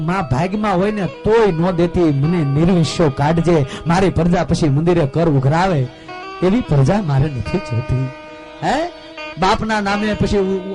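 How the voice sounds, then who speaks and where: Male folk comedian-storyteller, Saurashtra Gujarati accent, high pitch, rustic sermon-style humor, live stage, light music behind. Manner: rustic, preachy humor, swings between loud exclamations and soft asides. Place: live stage program before a gathering.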